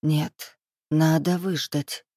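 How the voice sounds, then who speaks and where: A woman's voice: low voice, fairly even intonation, extremely slow, warm tone, dry recording, clean studio sound, exaggerated voice. A woman reading the lines of a stern, scheming middle-aged club owner in an audiobook, with a cool, mocking, weary manner. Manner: mocking, weary, coolly menacing.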